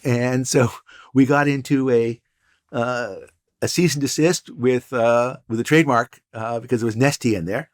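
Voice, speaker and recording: A man's voice: medium pitch, fairly even intonation, normal speed. An older man, a guest entrepreneur and professor, telling stories in a casual interview with dry, punning humor. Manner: storytelling, wry and punning.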